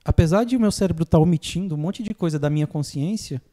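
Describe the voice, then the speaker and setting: A man's voice: fast, warm tone. A man hosting a podcast, explaining therapy ideas in a casual chat and acting out clients' lines. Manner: acts out clients' lines in a higher voice, laughs easily. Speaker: podcast host, phobia therapist.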